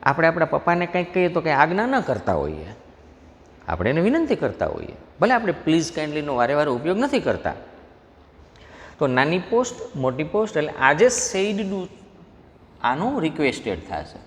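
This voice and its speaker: A man's voice: a little high, very animated. Gujarati-accented male teacher in a reverberant hall. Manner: explains step by step, reads example sentences slowly, asks the class questions. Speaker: English grammar teacher. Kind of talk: classroom lecture mixing Gujarati and English. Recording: faint noise, long hall reverb.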